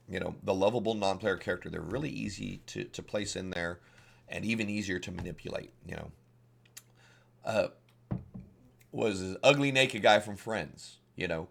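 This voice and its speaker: A man's voice: fairly low pitch, vocal fry, fairly bright tone. A man with a Southern US accent, a dungeon master giving casual, rambling advice and often repeating words as he searches for them. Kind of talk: casual instructional talk.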